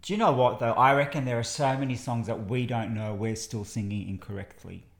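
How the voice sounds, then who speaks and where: A woman's voice: extremely low pitch, a little fast. A woman co-hosting a comedy podcast, chatting casually with lots of laughing and teasing. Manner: giggly, teasing. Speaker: podcast co-host. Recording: roomy echo.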